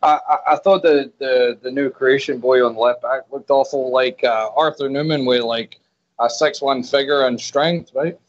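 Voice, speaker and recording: A Canadian man with a Scottish twang calling in over the phone, talking in a relaxed, easygoing way. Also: medium pitch, moderate pace. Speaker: caller. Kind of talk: casual call-in chat. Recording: muffled phone line with noise.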